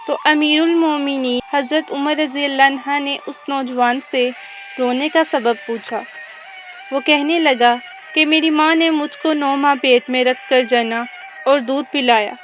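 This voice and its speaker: A woman's voice: high-pitched, a bit bright. A woman narrating a religious story from a script, in a formal, reverent storytelling manner.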